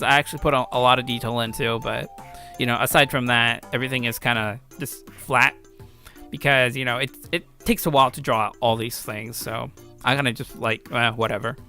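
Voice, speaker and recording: A young adult man with a medium-pitched, bright and forceful voice hosts a let's play, rambling casually over background music. As an amateur game creator, he's offhand and self-deprecating about his own work.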